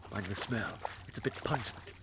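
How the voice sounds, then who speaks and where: A man's voice: fairly low pitch, moderate pace, noisy background, close to an everyday voice. A man playing a shrewd, sardonic alien time traveller in an audio drama, with a wry, verbose, theatrical delivery. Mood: wry, watchful.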